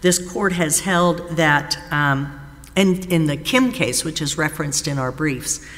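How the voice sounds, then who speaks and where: A woman defense attorney giving a formal appellate oral argument in a measured, deliberate way, pausing often on "uh". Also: low voice, fairly bright tone. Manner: measured, deliberate, with frequent "uh" pauses. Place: courtroom. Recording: reverberant courtroom sound.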